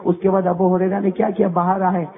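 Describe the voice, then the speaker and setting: A man preaching an emotional storytelling sermon, fervent and repetitive, often rising to shouts and calling on his listeners to answer. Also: high-pitched, level tone. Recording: tinny, phone-like sound.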